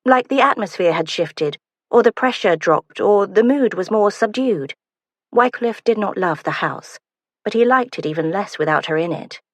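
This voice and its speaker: A woman narrating a historical romance audiobook in a measured, expressive reading. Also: mid-range voice, no echo. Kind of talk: scripted narration.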